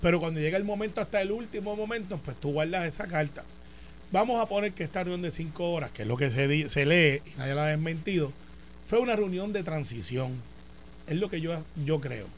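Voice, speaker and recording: Fast-talking Puerto Rican man telling stories. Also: fairly high pitch, a little hiss or hum. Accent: Puerto Rican Spanish. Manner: animated storyteller, fast and talkative. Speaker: senator and show co-host. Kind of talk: casual political debate.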